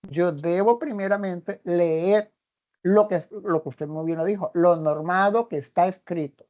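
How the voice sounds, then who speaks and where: A woman student speaks up in an online class, thinking aloud and restarting her sentences. Her voice sits low. The call audio sounds dull and lo-fi. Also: unhurried, darkish tone. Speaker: student, regional adviser.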